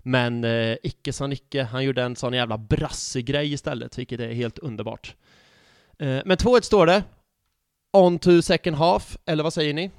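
A man in a casual football podcast, telling a match story in an animated way and swearing freely. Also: mid-range voice, smooth, dry recording, studio quality. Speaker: podcast co-host.

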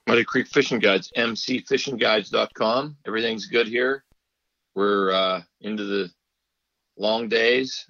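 Low, gravelly man on speakerphone. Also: unhurried, sharp tone, no echo. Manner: easygoing, folksy, laughs often. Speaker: fishing guide. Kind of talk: casual podcast chat. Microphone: phone on speaker. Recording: dull speakerphone line.

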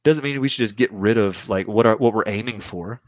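A thirty-something man, appearing as a podcast guest, speaks briskly in a fairly low voice, rambling casually and emphatically with strong views. The recording is dull, dry lo-fi with no room sound.

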